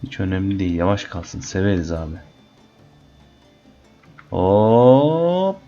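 Low-voiced young man narrating gameplay. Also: slow, lo-fi sound, faint music behind. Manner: chatty, teasing the game creatures, bursts of excitement in fights. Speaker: gaming channel host. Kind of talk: casual let's-play commentary.

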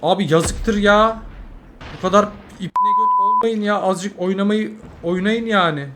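A young man, a mobile game streamer, giving live gameplay commentary, swearing constantly and swinging from angry yelling to low muttering. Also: a little slow. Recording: noisy game audio behind.

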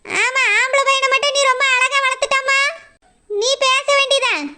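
A woman's voice: very high-pitched, fairly even intonation, moderate pace, bright, forceful tone, a little hiss or hum, exaggerated voice. A middle-aged woman with a Kanyakumari Tamil accent, playing a village mother who sternly warns and argues back. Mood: indignant. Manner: stern, warning, indignant. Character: proud village mother defending her daughter. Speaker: mother of the runaway girl.

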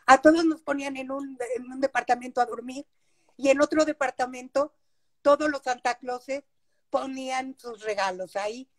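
An older woman with a Mexican accent, recalling her childhood as an interview guest over a video call, in a warm, nostalgic storytelling manner. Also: high-pitched. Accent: Mexican Spanish. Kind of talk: casual reminiscing.

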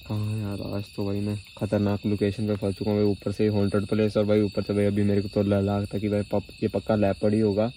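A young man in his twenties films a solo camping vlog on a phone held at arm's length, moving between a forest at night and the inside of a small tent. His lowish voice is warm but monotone, brisk with hardly any pauses, though he sounds nervous, stammering and restarting words. There's slight background noise.

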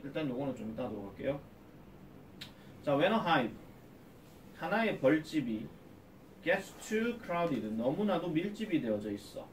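A man's voice: a little high, big pitch swings, unhurried, pauses often, a little hiss or hum. A man teaching a class in a classroom and explaining a reading text, who keeps asking students questions and answering them himself. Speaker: academy English teacher. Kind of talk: classroom lecture. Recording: echoey classroom, from a distance.

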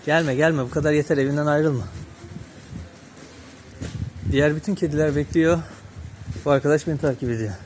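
A man's voice: a little high, fairly quick, pauses often, background noise. Tender man cooing to street cats. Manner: tender, coos and baby-talks to stray cats. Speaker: vlogger. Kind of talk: casual street vlog talking to cats. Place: outdoors on a street. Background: cats meowing, faint street ambience.

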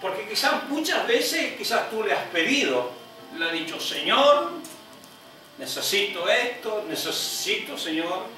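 A man, an evangelist preaching a sermon emphatically, often rising high on repeated phrases and adding "¿eh?" asides. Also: very animated, a little slow, bright, forceful tone, soft background music. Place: church. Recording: echoey hall, heard from a distance.

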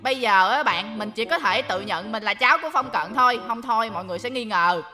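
A woman hosting a game role-play, narrating to viewers in an excitable, exclamatory, chatty way. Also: on the high side, quick pace, a crowd in the background. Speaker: host.

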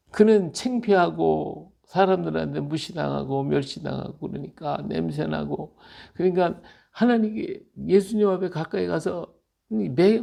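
Gravelly-voiced man preaching earnestly. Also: fairly high pitch, dark tone. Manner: earnest, repetitive, emotional emphasis. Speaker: Bible teacher. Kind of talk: conversational sermon on a Bible reading.

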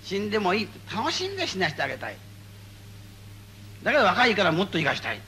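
A man giving spoken Buddhist guidance to a gathering, playful and animated, repeating phrases for emphasis. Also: sits high, fast, slight background noise. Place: meeting before a live audience.

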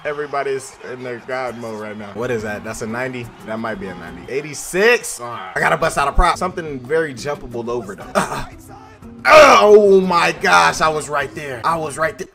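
A young man, giving playful, trash-talking commentary over a basketball video game and breaking into sudden loud outbursts. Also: mid-range voice, expressive, fast talker, hardly any pauses. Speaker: gaming YouTuber. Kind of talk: excited gameplay commentary. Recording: faint game music behind.

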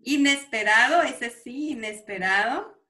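A woman teacher with a Guatemalan Spanish accent, running an online class for young pupils, calling them affectionate names and reading words out slowly. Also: on the high side, sharp tone. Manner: affectionate, calls pupils "mi amor". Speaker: primary school teacher.

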